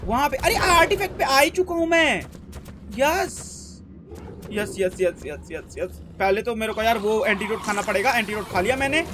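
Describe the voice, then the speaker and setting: A young man from India giving excitable, casual gameplay commentary, talking to himself and his in-game creature with frequent exclamations. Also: high voice, moderate pace, background noise. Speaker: gaming YouTuber.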